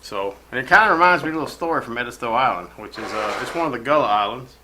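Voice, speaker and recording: A man's voice: mid-range voice, lively intonation, very fast, sharp tone, roomy sound, rough recording. A man hosting a casual home cooking show, talking in a rambling, profane, folksy way from his kitchen.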